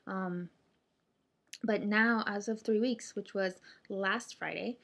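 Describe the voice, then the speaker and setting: Female vlogger, mid-pitched, casual and hesitant, talking through a stiff, barely opening post-surgery jaw. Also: steady tone, takes it slowly, creaky, fairly bright tone. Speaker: vlogger sharing surgery recovery update. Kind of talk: casual chat to camera.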